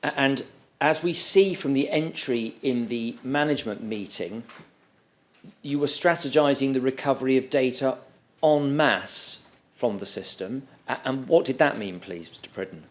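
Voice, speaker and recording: A man serving as counsel at a public inquiry, questioning a witness in a measured, polite, deliberate way. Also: medium pitch. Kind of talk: formal questioning.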